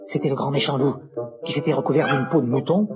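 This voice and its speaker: A man narrating a children's storybook record in an animated, expressive way, with music behind. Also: mid-range voice, fast.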